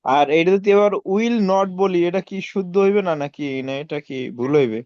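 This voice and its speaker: A male student reading English practice sentences aloud, halting and repeating each one. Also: sits high, animated, no room sound, highs cut off.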